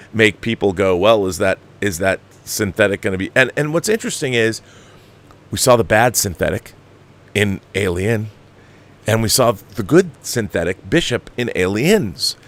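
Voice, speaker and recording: An opinionated movie review rant comes from a man who hosts a film commentary show, his voice on the low side and a bit bright. He's exasperated and emphatic, and his review is laced with swearing.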